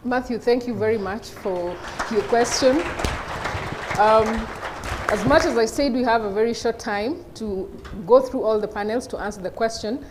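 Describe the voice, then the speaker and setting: A woman's voice: fairly high pitch, moderate pace. A woman moderating a live panel and addressing the guests and audience. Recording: live event with background noise.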